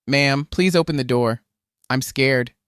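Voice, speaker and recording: A man's voice: mid-range voice, a little slow, fairly bright tone, clear, resonant tone, no echo, close to an everyday voice. A small demon child who sounds lost and frightened, begging timidly for help, as a man puts him on. The recording is dry and close, with no room sound. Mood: pleading.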